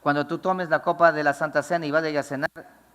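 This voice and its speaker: A man's voice: fairly high pitch, flat delivery, a little fast, fairly bright tone, clear, resonant tone, long reverb tail. A male pastor preaching a fervent, emphatic sermon to a congregation in a church.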